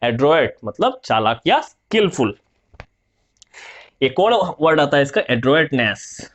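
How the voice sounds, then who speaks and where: A man teaching a vocabulary lesson, repeating and spelling out words slowly and answering his own questions. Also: medium pitch, very animated, fairly bright tone, highs cut off. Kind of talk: Hindi vocabulary lesson, explaining word roots.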